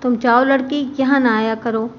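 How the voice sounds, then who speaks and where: A woman's voice: fairly high pitch, steady tone, moderate pace, natural voice. A woman voicing a strict, controlling older mother who speaks in a cold, commanding tone, read as a storybook figure. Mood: stern. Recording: muffled with faint background hiss.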